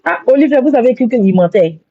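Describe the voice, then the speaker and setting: A woman's voice: fairly high pitch, animated, fast talker. Emotional woman on a lo-fi live stream. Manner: emotional, rambling, apologetic, repeats herself. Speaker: social media livestreamer. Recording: dull lo-fi phone audio.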